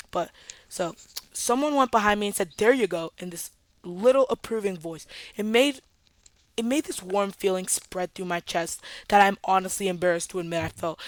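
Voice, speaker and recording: A woman's voice: mid-range voice, no echo. A woman telling a story in a storytime vlog, in a dramatic, chatty way that speaks straight to viewers. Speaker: storytime vlogger.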